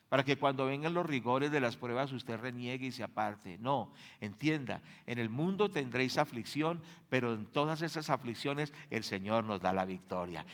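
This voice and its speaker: A man with a Colombian accent delivering a sermon as pastor. He keeps checking in with the congregation through rhetorical questions and moves between loud emphasis and quiet, dropped phrases. Now and then he acts out the voices of people he quotes. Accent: Colombian Spanish. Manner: acts out quoted voices with big jumps in pitch; dramatic swings in volume from loud to soft.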